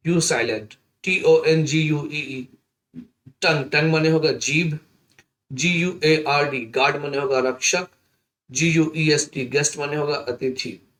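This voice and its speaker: A man teaching a lesson, slowly spelling out words letter by letter. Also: a little high, fairly bright tone. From India. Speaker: English teacher. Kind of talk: spoken English lesson.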